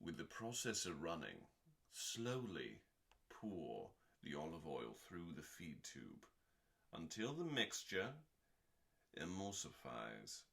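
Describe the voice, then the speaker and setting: Reading cookbook recipes aloud, a male host with a very deep voice brings theatrical weight to the text. He goes slowly and deliberately in short phrases with clear pauses, his tone bright and forceful, swinging dramatically up and down, with the occasional deadpan aside.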